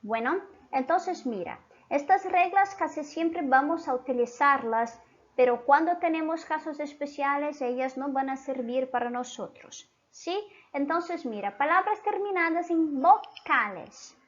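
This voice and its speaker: A woman's voice: sits high, a little slow, highs cut off. A woman teaching Spanish to Portuguese speakers, whose first language is Portuguese, who keeps checking in with "¿sí?" and "entonces". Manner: switches between Spanish and Portuguese. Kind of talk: online language lesson.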